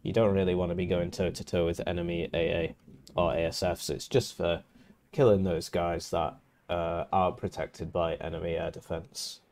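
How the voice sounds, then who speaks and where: A man's voice: low-pitched, level tone, moderate pace, a little mellow, slight background noise. A man with a nasal, congested voice, casually casting and explaining a strategy game match from home. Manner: talks through options, casual and wry. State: congested from illness. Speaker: game caster.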